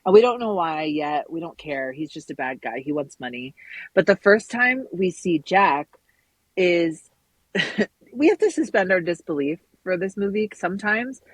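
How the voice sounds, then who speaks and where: A woman's voice: lowish voice, animated, normal speed, breathy edge, dry recording, poor audio. A woman in her thirties, a podcast guest, chatting casually with eager fan enthusiasm. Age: 30s. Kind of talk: casual chat.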